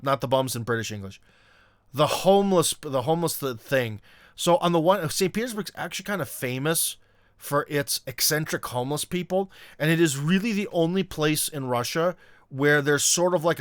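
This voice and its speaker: A man's voice: on the high side, a bit bright, no echo, clean studio sound. A man from Ohio, talking off the cuff in a casual, rambling vlog with lots of fillers and restarts. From Ohio, USA. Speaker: vlogger. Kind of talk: casual unscripted monologue.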